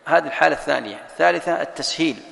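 A sheikh who teaches Quran sciences explains a text in a classroom lesson, going through each point step by step, repeating words and reciting examples. His voice is on the high side, gravelly and a little bright, with lively intonation and a racing pace, heard in a large hall.

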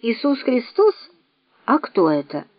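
A woman voicing a weary, bitter old woman who talks low, grim and blunt, in an audiobook reading. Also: wildly swooping pitch, unhurried, dry recording. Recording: dry, slightly dull recording.

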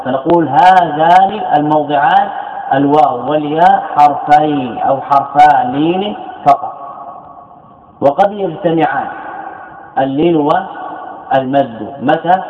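A man's voice: on the high side, unhurried, slight background noise. Man lecturing in an echoey, tinny hall. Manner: repeats key phrases and asks then answers his own questions. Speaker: Islamic scholar teaching grammar. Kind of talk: classroom lecture.

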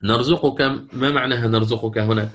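A middle-aged man teaching the rules of Quran recitation, explaining patiently, reciting words slowly and checking that students follow. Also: mid-range voice, fairly even intonation, a bit bright. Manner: closes with a long supplication. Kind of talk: lecture on Quranic reading rules.

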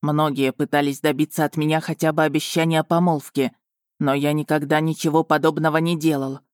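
A woman's voice: sits low, level tone, a little fast, no room sound, clean studio sound, natural voice. A woman reading an audiobook, voicing a brooding, possessive, ancient male dragon in a curt, commanding manner. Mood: earnest.

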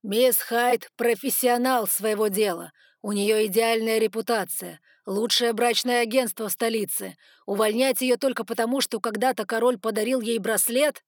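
A woman reading the part of a sharp-tongued male dragon in a storybook audiobook. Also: mid-range voice, fairly quick, dry recording, clean studio sound, natural voice. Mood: indignant.

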